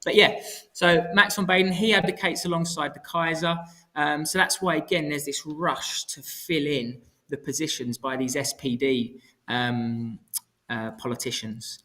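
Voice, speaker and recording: A man's voice: a little high, steady tone, unhurried, bright, forceful tone. A man teaching in a casual live tutoring style, hesitant and self-correcting, dropping his T's with glottal stops. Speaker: history teacher co-hosting.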